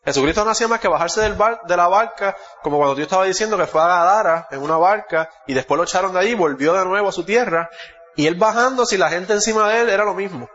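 A man's voice: high-pitched, fast talker, fairly bright tone. A man with a Puerto Rican Spanish accent preaching a sermon, reading Bible verses aloud and correcting himself as he goes. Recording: muffled echoey hall.

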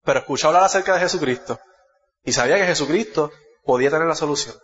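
Puerto Rican preacher in an echoey hall. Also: male voice, on the high side, quick pace, fairly bright tone, highs cut off. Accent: Puerto Rican Spanish. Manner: expository, reads Bible verses aloud, corrects himself. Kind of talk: sermon.

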